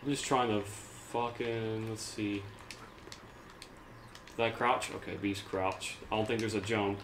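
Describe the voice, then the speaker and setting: A man's voice: fairly low pitch, steady tone, unhurried, a bit bright. A young man thinking aloud and rambling casually while he plays a game on a co-hosted gaming channel. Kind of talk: casual let's-play chat. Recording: roomy home recording with faint noise.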